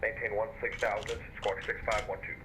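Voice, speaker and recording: A man working as an air traffic controller, giving procedural clearances in clipped phraseology, heard over a pilot headset radio. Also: fairly low pitch, level tone. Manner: brisk, procedural. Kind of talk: clipped radio phraseology on an online flight simulation network. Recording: muffled radio channel with faint noise.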